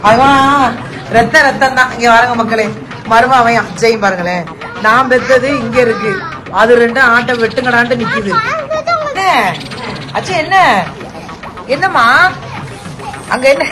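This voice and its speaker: A woman's voice: a little high, unhurried, pauses often, background noise. A woman vlogger chatting casually with her family, teasing them playfully and laughing often. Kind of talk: casual family vlog chat.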